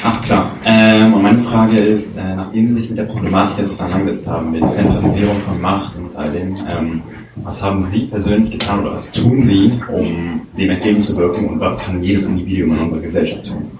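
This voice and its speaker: A man's voice: low voice, fairly even intonation, fairly quick. A man from Berlin in the audience, asking a formal, direct question. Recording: echoey hall, far from mic, noise.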